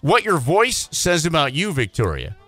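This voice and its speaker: A man co-hosting a radio morning show, chatting casually in a quick, joking, self-deprecating way. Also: on the high side, huge pitch swings, bright, forceful tone, no room sound, faint music behind.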